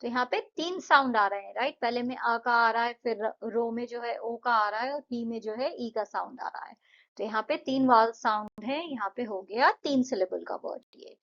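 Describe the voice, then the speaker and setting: A woman's voice: on the high side, fairly bright tone, highs cut off. Woman teacher explaining English exercises. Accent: Indian English. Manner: explains step by step, stretches out words slowly to model syllables. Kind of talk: Hindi-English exercise walkthrough.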